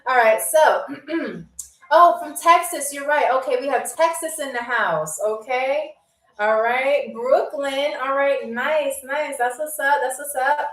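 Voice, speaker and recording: Hosting a live-streamed trivia game show from a room in Albania, a New York woman chats with viewers, laughs often, and reads their comments aloud. Her high voice moves slowly and sounds far from the mic in the echoey space.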